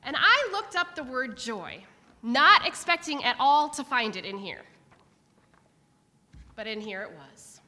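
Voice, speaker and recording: A middle-aged woman preaching a sermon in church, reflective and warm, sometimes emotional. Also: high-pitched, expressive, a little slow, long pauses. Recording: long reverb of a church hall.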